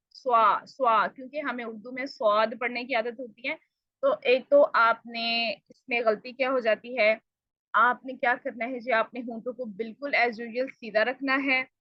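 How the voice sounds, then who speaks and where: A woman with a slightly high voice teaches pronunciation, explaining patiently and saying each sound again and again so it can be copied. She addresses the learners politely. The recording is dry and a little dull, with no room sound. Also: dry recording. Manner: explains patiently and repeats sounds slowly to demonstrate. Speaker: tajweed teacher.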